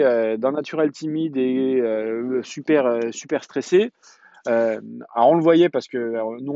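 A man in his thirties or forties telling a personal story in a casual podcast monologue, halting often on fillers and restarts. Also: medium pitch, dark tone, no echo, muffled recording. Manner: hesitant, chatty storytelling with many fillers and restarts.

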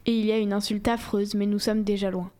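A woman reading a first-person novel aloud in a steady, measured storytelling voice. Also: mid-range voice. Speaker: audiobook reader.

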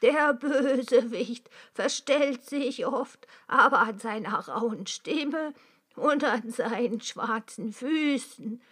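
Worried old mama goat, as a woman puts her on, slow and earnest, storybook. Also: on the high side, expressive, fairly bright tone, husky, exaggerated voice. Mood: warning. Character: caring old mother goat, warning.

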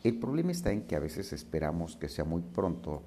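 A man who hosts a daily reflection, telling a parable and encouraging listeners in a gentle, preaching way. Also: low-pitched, big pitch swings, brisk, a little hiss or hum. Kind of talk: motivational reflection.

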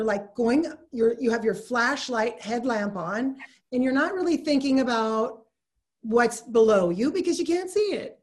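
A woman guest in a casual chat, telling her story in an earnest, emphatic way. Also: a little high.

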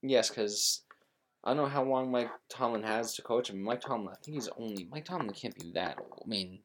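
A man's voice: medium pitch, fairly quick, a little hiss or hum. A man co-hosting a casual sports talk show, reading football news aloud with frequent ums and restarts. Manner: reads news with many fillers and restarts.

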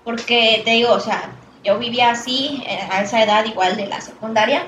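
A woman recounts a personal faith story in a casual conversation, pausing and repeating words as she goes. Her voice is fairly high, and the room around her is echoey. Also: fairly bright tone, slight background noise. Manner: hesitant, with fillers and repeats. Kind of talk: casual chat, personal testimony.

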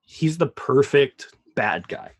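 Co-hosting a podcast, a man talks about wrestling in a casual, enthusiastic way, rambling and restarting his sentences. His medium-pitched voice is animated, slow and slightly rough.

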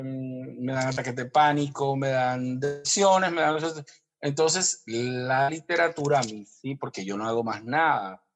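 A man with a Colombian Caribbean Spanish accent talks as an author being interviewed. His voice sits at a medium pitch. He speaks reflectively, circling back to repeat and reword his phrases as he goes. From Caribbean coast of Colombia. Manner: halting, often repeating and rephrasing.

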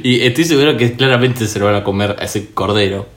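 A young man in casual chat who laughs easily and backpedals sheepishly. His voice carries a roomy echo, at an average pitch. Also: fairly quick, slight background noise. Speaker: podcast co-host.

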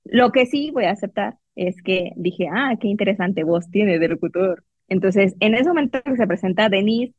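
A Mexican woman, a guest, tells her love story in a chatty, laughing way, often quoting herself and others. Her mid-range voice is slightly mellow with lively intonation and normal speed. The recording has no room sound and the highs are cut off.

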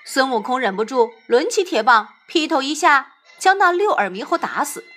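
A woman narrating a classic tale in a lively, expressive storybook reading. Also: high voice, normal speed, soft background music.

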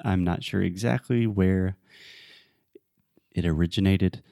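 Low, mellow-voiced male podcast co-host. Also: a little slow, vocal fry, no room sound, clean studio sound. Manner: explanatory, teacherly. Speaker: podcast co-host and English tutor. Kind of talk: casual podcast chat explaining English phrases.

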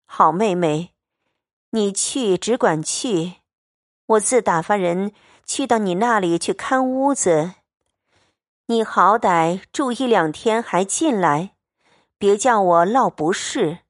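A mild, accommodating young noblewoman, as a woman reader puts her on. The voice stays close to the narrator's own, unhurried and melodic, recorded dry and close. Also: mid-range voice, lively intonation, no room sound. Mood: gentle.

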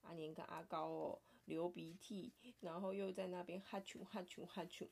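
Reading a picture book aloud to her child, a woman with a Taiwanese Mandarin accent is playful and animated, sometimes slipping into a soft whisper. Her voice is lowish and her pace moderate.

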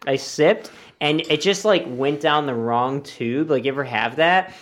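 A man's voice: on the high side, a little slow, a bit bright. A young adult man, a guest comedian on a casual podcast, telling stories animatedly with lots of fillers and swearing. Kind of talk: casual podcast chat, storytelling.

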